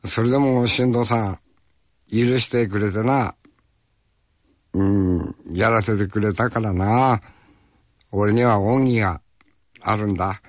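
A man from Fukuoka, an actor, telling stories from a film shoot in a rough, folksy, chatty way. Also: on the low side, slow pace, long pauses, no echo, dull audio. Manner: rough, folksy, peppers speech with tag questions. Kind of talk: casual storytelling reminiscence.

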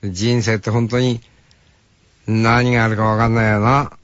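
A man's voice: fairly low pitch, flat delivery, normal speed, a bit bright, dry recording. An older man from Hokkaido with a Hokkaido accent, a radio host musing to himself in a casual monologue and mimicking greetings. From Hokkaido, Japan. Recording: dull lo-fi broadcast sound.

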